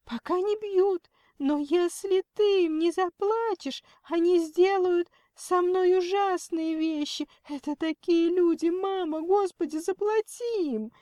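A woman's voice: extremely high pitch, slow pace, hardly any pauses, warm tone, no echo, clean studio sound, pitched above the performer's own voice. A woman voicing a tearful, nasal young woman held captive, pleading shrilly down a phone line. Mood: sobbing. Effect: heard over a phone.

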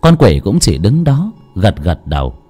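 A man's voice: on the low side, huge pitch swings, a little slow, dark tone, faint music behind. A man narrating a horror story with a dramatic, varied delivery.

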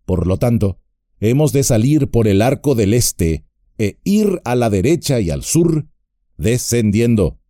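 A man voicing a grave, commanding old male wizard in an audiobook, solemn and measured, turning urgent. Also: medium pitch, very animated, warm tone, no room sound, studio quality.

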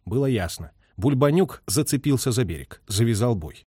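A man reading a literary war story aloud with expressive, dramatic narration. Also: mid-range voice, normal speed, husky, dry recording, studio quality. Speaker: audiobook reader.

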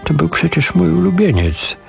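A man reading the lines of a young man who speaks quietly and hurt in a storybook reading. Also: fairly high pitch, very animated, normal speed, gravelly, faint music behind, pitched above the performer's own voice, full character voice.

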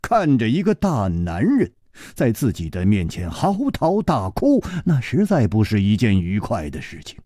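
A man doing a low, calm swordsman hero. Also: dry recording, clean studio sound. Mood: calm, wry. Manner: slow low-voiced sighing speech. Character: calm worldly male swordsman hero, wry and gentle.

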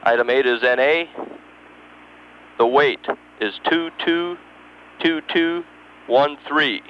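A man acting as mission control communicator over radio, methodically reading procedural figures digit by digit with pauses. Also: a little high, slight background noise. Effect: radio transmission. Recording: dull, band-limited mission radio channel.

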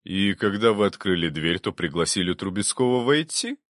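A man's voice: deep voice, lively intonation, moderate pace, no room sound, studio quality. A man reading an audiobook, voicing a persistent assistant prosecutor who cross-examines with pointed questions.

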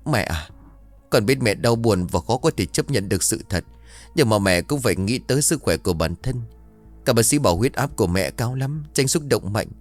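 Young daughter calming her mother, gentle and pleading, read by a male narrator. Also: on the low side, normal speed, faint music behind, natural voice. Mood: consoling.

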